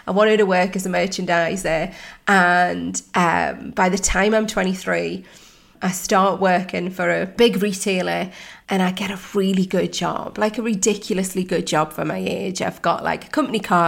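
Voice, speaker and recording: A woman's voice: fairly low pitch, fairly even intonation, moderate pace, gravelly. A woman in her thirties, a life coach hosting a podcast, telling her own story in a candid, reflective way with many fillers and restarts.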